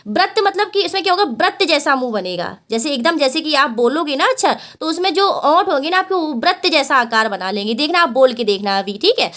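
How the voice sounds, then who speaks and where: The speaker is a woman whose voice is high, bright, and forceful. In her Hindi exam-prep lesson she questions the class, supplies the answer herself, and goes over each point again. She often says "beta" to the students and demonstrates vowels by drawing them out.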